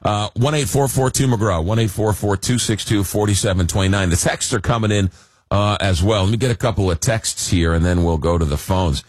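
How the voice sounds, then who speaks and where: Hosting a casual late-night call-in radio show, a man with a very deep, husky voice sounds a bit hoarse as he fights a cold and loses his voice. He rambles a little fast, full of "uh"s and fillers, with dry jokes. The studio sound is close and dead, without room echo.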